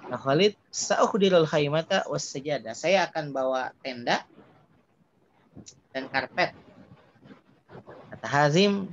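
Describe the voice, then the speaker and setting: A man teaching an Arabic dialogue lesson in a relaxed, chatty way, often ending phrases with casual fillers. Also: medium pitch. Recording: muffled lo-fi sound with faint background hiss.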